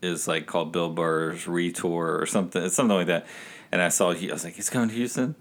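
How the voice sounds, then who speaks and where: Deep-voiced man in blunt podcast banter. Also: level tone, brisk, fairly bright tone. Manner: blunt and joking, swears freely. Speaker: podcast co-host. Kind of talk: casual chat.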